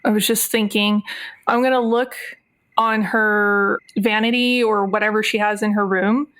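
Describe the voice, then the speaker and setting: This woman is a player on a tabletop role-playing podcast, chatting informally and thinking aloud with a wry manner. Her mid-range, fairly bright voice keeps a measured pace and fairly even intonation, though the recording is rough.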